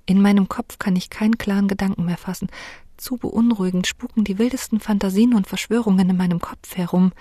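A woman narrating a first-person storybook. Her delivery is hushed and intimate, often near a whisper, with a dry, close sound. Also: mid-range voice, slightly rough, no echo. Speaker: audiobook narrator.

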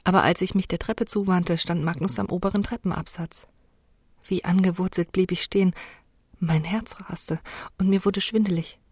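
A woman reading a first-person novel chapter as an audiobook narrator, expressive and heightened in dialogue. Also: on the low side, moderate pace, husky, no echo, studio quality.

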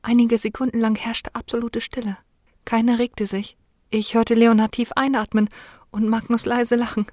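A woman narrating a first-person storybook. Her delivery is hushed and intimate, often near a whisper, with a dry, close sound. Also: on the high side, flat delivery, moderate pace, no room sound. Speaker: audiobook narrator.

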